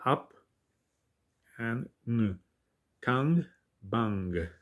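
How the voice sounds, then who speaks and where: A man is teaching a language informally, reading syllables aloud and working through exercises while he thinks out loud in a halting way. His voice is mid-range and expressive.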